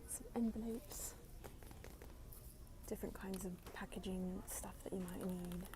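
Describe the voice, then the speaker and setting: A young woman softly whispering through an ASMR walkthrough of a store, naming the items one by one on a handheld phone. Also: mid-range voice, steady tone, a little slow. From United States. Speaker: ASMR creator. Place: inside a large retail store. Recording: loud background noise in a busy store. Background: store noise, people opening boxes.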